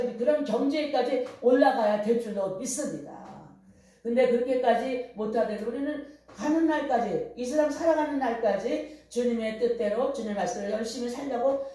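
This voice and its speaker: Speaking in a warm, slightly high voice, a middle-aged female pastor delivers a revival message full of stories and passionate pleas for repentance. The recording comes from a distance in a very reverberant church hall.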